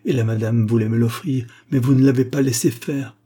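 A man's voice: mid-range voice, steady tone, a little fast, dark tone, natural voice. A man voicing a frightened servant woman who tearfully protests her innocence. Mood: pleading.

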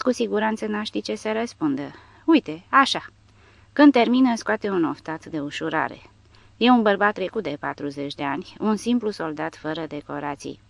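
A woman reading an audiobook aloud as scripted narration, lifting her voice for shouted lines. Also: lowish voice, creaky, dry recording. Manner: reads dramatically, raising voice for shouted quotes.

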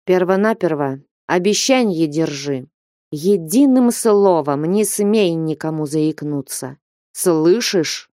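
A woman narrator voices a stern, gruff old merchant who gives commanding orders in a low, mellow tone. His warnings land slow and heavy, delivered animatedly, and the dry, close recording has no echo, keeping every word near.

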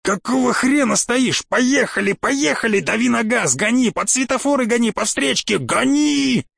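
A man's voice: mid-range voice, moderate pace, darkish tone, breathy edge, lightly acted. A man narrating an audiobook and voicing a frantic, panicked assistant who screams rudely. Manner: screaming, desperate, rude.

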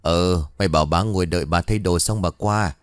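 A man voicing the sharp-tongued, jealous wife of a village chief who scolds servants and her husband. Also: sits low, a little fast, clean tone, no echo, studio quality, lightly acted. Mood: bossy.

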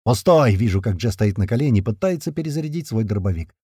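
A man's voice: lowish voice, expressive, fast, mellow, breathy edge, no echo, studio quality. A man narrating a first-person action audiobook in a terse, punchy, slangy manner.

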